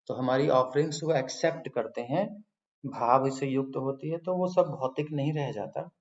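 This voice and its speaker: Brief: male preacher, mid-pitched, emphatic storytelling sermon, roomy echo. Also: moderate pace. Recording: roomy, dull lo-fi.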